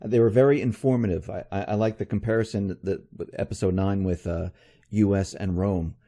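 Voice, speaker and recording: A man's voice: on the low side, fairly even intonation, a little fast, dark tone. A man interviewing a guest, asking questions and giving brief, agreeable replies.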